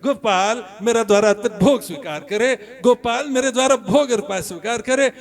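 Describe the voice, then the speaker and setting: A man's voice: extremely high pitch, normal speed. A man playing a bossy little divine boy. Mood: teasing. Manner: sharp hushing commands. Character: playful young boy god, scolding and secretive.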